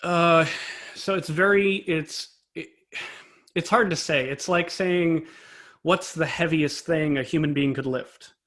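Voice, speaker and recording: Slow and a bit bright, a fairly high-voiced man appears as an interview guest, a composer and conductor. He takes care over precise wording while informally and analytically explaining technical matters.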